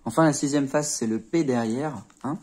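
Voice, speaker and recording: A man's voice: medium pitch, normal speed, a little mellow, a little hiss or hum. A man teaching a puzzle-solving tutorial in a casual, chatty way, often checking in with the viewer and marking each move with little sounds like "hop" and "tac". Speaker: Rubik's cube tutor.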